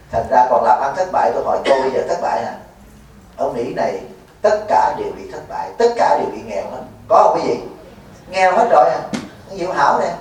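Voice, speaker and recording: At a retreat, a monk delivers a folksy dharma talk in a slightly high, darkish voice, poking fun at his listeners and quizzing them. It's recorded in an echoey hall from a distant mic, with faint noise.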